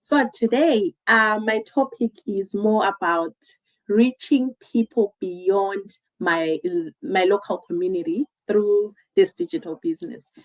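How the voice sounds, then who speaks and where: A woman's voice: mid-range voice, slow pace, poor audio. A woman, speaking as a guest on a livestream in a conversational, earnest way. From Zimbabwe. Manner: conversational, earnest, many "like" and "um" fillers. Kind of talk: casual livestream talk.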